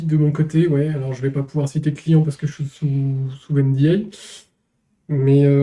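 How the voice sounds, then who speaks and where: Dev guy on a podcast panel, super dark voice, pretty monotone, breaks down tech stuff simply. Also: medium pitch. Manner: explains technical terms plainly. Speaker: developer, podcast guest. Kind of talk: casual tech panel chat.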